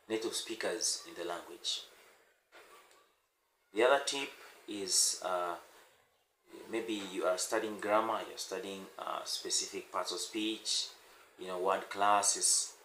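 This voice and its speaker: A Swahili-speaking teacher's low, sharp-toned voice leads a casual, unscripted lesson aimed at the camera. Pauses are full of "uh"s and repeated words. Echo and faint noise fill the room.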